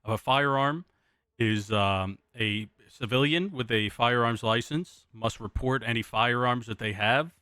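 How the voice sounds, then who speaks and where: A man role-playing an acting sheriff, speaking casually in a halting, matter-of-fact way. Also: mid-range voice, sharp tone, clear, resonant tone, dry recording, clean studio sound. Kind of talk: improvised role-play testimony and casual commentary.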